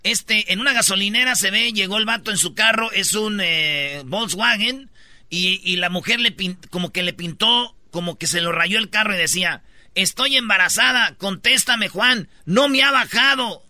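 A man's voice: high voice, moderate pace, sharp tone, dry recording. A man with a Mexican Spanish accent hosting a radio show, telling rambling, slangy jokes in comedic banter. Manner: rambling slangy joking storyteller.

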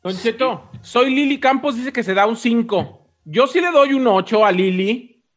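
A man with a strikingly high voice co-hosts a radio show. He banters casually in a playful, joking way. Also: measured pace, faint music behind. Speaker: radio co-host.

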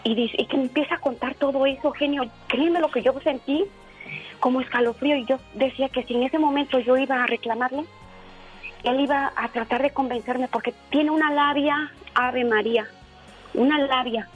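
Woman caller, 40s, slightly high voice, earnest and halting with lots of restarts, dull lo-fi radio line. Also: fairly even intonation, faint music behind. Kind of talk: emotional personal story on a call-in show.

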